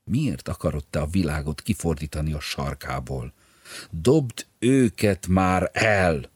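A man reading as a deep husky pleading friend. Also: darkish tone, no echo, exaggerated voice. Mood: imploring. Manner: urgent, imploring. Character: anxious pleading male friend. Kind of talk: audiobook reading.

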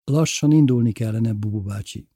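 A man reading aloud and voicing a quiet young woman who gives short, firm replies. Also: on the low side, breathy edge, dry recording, studio quality.

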